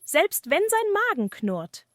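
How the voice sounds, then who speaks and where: A proud, kindly little leprechaun shoemaker, acted out by a woman in a fireside story. He is high-voiced and courteous, with swooping, earnest speech and a very dry sound. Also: huge pitch swings, takes it slowly, no echo, heavily acted.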